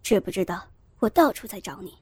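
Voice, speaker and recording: A woman voicing an irritated young man, a fiancé speaking on the phone, brusque and hurried. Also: mid-range voice, expressive, husky, voice pushed down. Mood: impatient.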